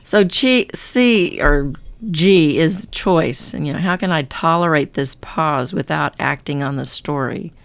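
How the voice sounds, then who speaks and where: Low-voiced woman co-host, rambling chat. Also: a little slow, hardly any pauses, dry recording. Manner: rambling, self-correcting, laughs often. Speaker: podcast co-host; therapist or coach with clients. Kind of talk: casual chat.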